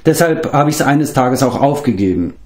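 A man's voice: medium pitch, lively intonation, normal speed, a little mellow, voice pushed up, lightly acted. A man reading aloud and voicing a boastful, hapless former king turned wandering bard who rambles and corrects himself. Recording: roomy echo.

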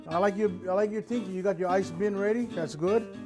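A man's voice: high voice, a little fast. An older man, a chef giving short, jokey cooking instructions in a home kitchen. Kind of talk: casual cooking demonstration. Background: guitar music.

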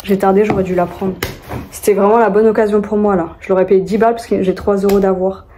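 Young woman vlogger, rambling casual chat, soft mellow tone. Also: medium pitch, steady tone, fast, a little hiss or hum. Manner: rambling, chatty, many fillers and restarts.

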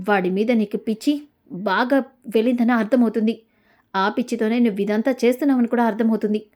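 Stern elderly grandfather, rapid scolding delivery, dark mellow tone; a woman reads him. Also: on the high side, natural voice. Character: stern elderly grandfather, family patriarch, angry.

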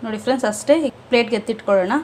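Quick, chatty woman cooking-show host. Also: on the high side, darkish tone. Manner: chatty, keeps addressing viewers as friends. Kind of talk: step-by-step cooking instructions. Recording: faint background noise.

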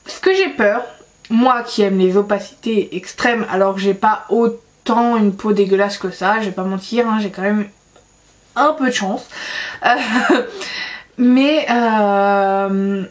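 Chatty French-speaking beauty vlogger woman. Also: on the high side. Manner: chatty, filler-heavy, self-mocking. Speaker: beauty YouTuber. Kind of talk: casual vlog chat.

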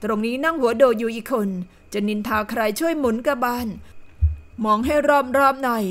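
A blunt, impatient young heroine, as a woman plays her, her high voice tart and quick to cut people off. She speaks with a bored edge in an audiobook tale. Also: a bit bright, lightly acted. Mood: teasing. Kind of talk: audiobook character voice.

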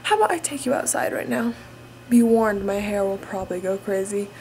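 A woman's voice: mid-range voice, animated, brisk, darkish tone, a little hiss or hum. A young woman chatting casually to a handheld camera indoors, as a vlogger. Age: young adult. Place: small home exercise room indoors. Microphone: handheld camera at arm's length.

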